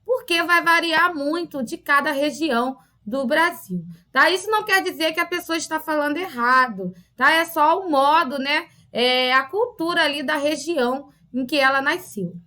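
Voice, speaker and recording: A teacher from Rio de Janeiro, speaking with a Rio Portuguese accent, patiently explains a lesson to children in a recorded online class. Her high voice is bright and forceful, moving at normal speed with few pauses, and she often checks in using short tag questions.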